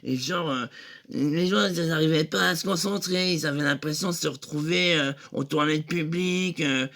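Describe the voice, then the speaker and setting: A man's voice: fairly high pitch, moderate pace, gravelly, a bit bright. A man telling a rambling comic story in slang, hesitant and full of fillers and restarts.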